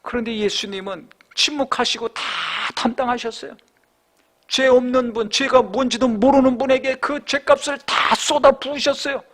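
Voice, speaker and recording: Impassioned high-voiced male pastor. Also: steady tone, normal speed. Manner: impassioned, rhetorical questions, swings from loud to hushed. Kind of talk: sermon.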